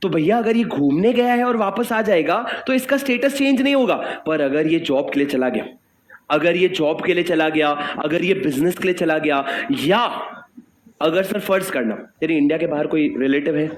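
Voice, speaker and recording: Animated high-voiced Indian man teaching. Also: moderate pace. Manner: lively, jokey, acts out student voices, addresses students as sir. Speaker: tax law teacher. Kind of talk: animated classroom lecture. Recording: echoey room with faint background noise.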